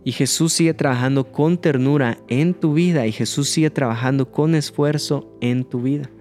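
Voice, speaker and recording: A man preaching a sermon, earnest and slowing down to stress key phrases, with light jokes. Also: medium pitch, darkish tone, faint music behind.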